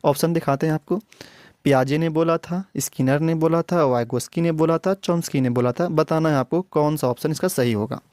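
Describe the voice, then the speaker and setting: A man's voice: fairly high pitch, a little fast, a little mellow, dry recording. A man teaching an exam prep lesson online. He explains step by step, repeats key terms and often stops to check with the class. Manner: repetitive, explanatory, often checks with "theek hai".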